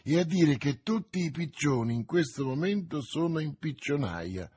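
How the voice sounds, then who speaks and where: A bold young swordsman speaks earnestly and gives orders, read by a man in a husky, slightly high voice. It sounds like an audiobook reader in his own voice rather than a full character turn. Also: animated, normal speed, darkish tone, no room sound. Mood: commanding. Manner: earnest, commanding.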